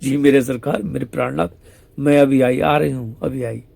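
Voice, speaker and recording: A man's voice: mid-range voice, fairly even intonation, normal speed, vocal fry, a little mellow, no echo. A man voicing a mischievous young female devotee who answers coyly and feigns innocence.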